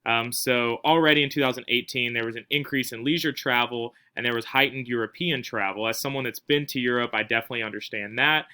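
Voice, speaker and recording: A man's voice: medium pitch, fast, hardly any pauses, pushed and bright, clean tone. A man giving a casual recorded class presentation, with frequent fillers and restarts. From not from Spain. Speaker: student presenter.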